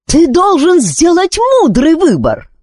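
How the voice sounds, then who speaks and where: A cunning, hot-tempered queen from a storybook, as a woman reader puts her on. Her voice rises high and swings widely with imperious force. Every line sounds close and dry. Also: wildly swooping pitch, a little slow, darkish tone, breathy edge, no room sound, heavily acted. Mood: furious. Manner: imperious, shrill when angered.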